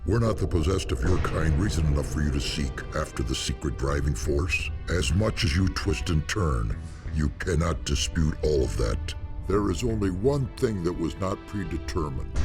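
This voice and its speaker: Game villain: ancient undead dragon, very deep bass, grandiose and arrogant, over prominent music. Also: male voice, expressive, moderate pace. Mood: menacing. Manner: grandiose, menacing, archaic formal speech. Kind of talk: scripted fantasy game voice acting.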